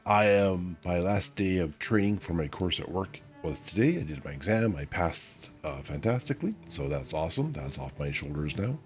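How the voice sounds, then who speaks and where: A man's voice: low-pitched, lively intonation, normal speed, few pauses, soft background music. A young man chatting casually on his stream, tired and hiccuping, rambling and correcting himself as he goes.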